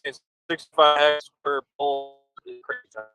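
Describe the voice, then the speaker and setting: A man chatting casually on an online voice chat call, excitedly talking over the host while his connection breaks up. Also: a little high, unhurried. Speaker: voice chat caller. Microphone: phone or computer into an online voice chat.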